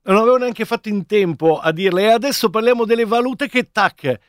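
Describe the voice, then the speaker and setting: Showy, high-pitched male game show host. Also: dry recording, studio quality. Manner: theatrical, teasing, halting and emphatic announcing.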